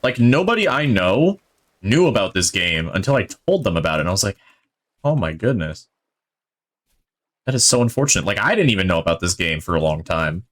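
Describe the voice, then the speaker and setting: A man's voice: sits low, sing-song, quick pace, fairly bright tone. A male streamer giving casual, chatty gameplay commentary, rambling and thinking aloud, enthusiastic about what he plays.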